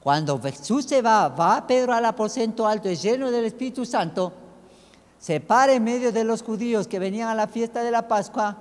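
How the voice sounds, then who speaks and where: A male pastor delivers an emphatic sermon, firing off rhetorical questions at the congregation. His voice sits high for a man. The sound carries a long echo of a church hall. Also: normal speed.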